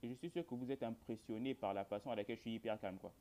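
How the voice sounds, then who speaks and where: A man with a warm, medium-pitched voice talks very fast. As a video host playing a horror game, he addresses viewers in rambling, colloquial commentary laced with dry jokes.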